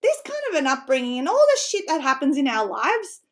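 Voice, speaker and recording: The voice sits high and moves briskly: a middle-aged woman from North Macedonia, native in Macedonian, whose Australian accent bears a Macedonian tinge. She's a book-writing coach energetically presenting an online seminar, chatty and quick to laugh, with frequent tag questions.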